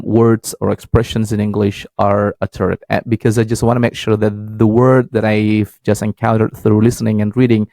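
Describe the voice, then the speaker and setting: A young man with an Indonesian accent talks in a low voice, halting and casual, with many fillers and restarts. The sound is dry and close, with no room around him. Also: gravelly, darkish tone, dry recording. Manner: hesitant, many fillers and restarts, laughs easily. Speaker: podcast host and English learner. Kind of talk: casual practice talk.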